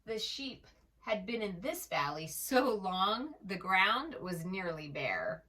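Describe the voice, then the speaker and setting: Reading a storybook to small children, this woman speaks slowly at a medium pitch, gently and expressively, her voice full of melody. She takes time over every phrase, talks straight to the child and poses questions, with the microphone set a bit away from her.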